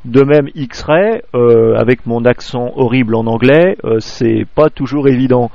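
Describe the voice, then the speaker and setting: A man from France giving a spoken amateur radio lesson, halting, full of fillers and restarts, close to a clipping desk microphone. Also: mid-range voice, steady tone, vocal fry, no room sound, lo-fi sound.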